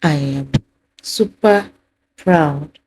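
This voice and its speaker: A woman vlogging casually as a resident of Qatar, talking in slow, drawn-out phrases with soft laughs now and then. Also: sits low, slightly rough. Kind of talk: casual vlog narration. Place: out and about in rainy weather.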